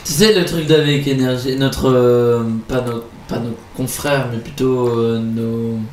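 A man's voice: mid-range voice, steady tone, a little slow, roomy sound, a little hiss or hum. A man co-hosting a local radio show, hesitant and searching for words in casual banter. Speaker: radio co-host. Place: local web radio studio.

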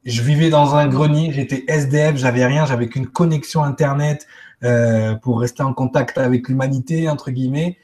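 A man talking casually on a live stream, restarting and repeating words, often trailing off quietly. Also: mid-range voice, steady tone, moderate pace. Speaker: guest speaker.

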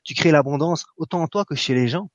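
A man's voice: fairly high pitch, fairly quick, no echo, dull audio. A man speaking as a guest in an earnest, encouraging way, often repeating himself. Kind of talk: casual live conversation.

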